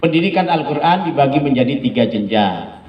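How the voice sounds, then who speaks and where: A man's voice: mid-range voice, sing-song, fairly quick. A man giving a joking lecture to Quran teachers, often checking in with his listeners. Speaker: Islamic teacher trainer. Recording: echoey room, distant dull mic.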